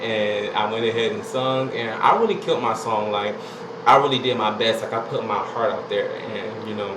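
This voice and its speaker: In an echoey room with an air conditioner humming, a young man vlogs a casual, chatty story, filling it with "like" and "you know." He speaks at normal speed with a fairly low pitch.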